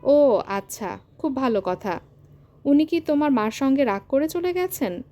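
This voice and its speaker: A woman's voice: high-pitched, expressive, unhurried, mellow, faint music behind. Woman reading as a curious young schoolteacher.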